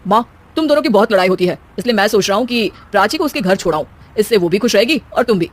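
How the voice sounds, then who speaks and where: A woman's voice: medium pitch, animated, fast talker, lightly acted. A woman doing an exasperated young husband. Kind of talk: cartoon voice acting.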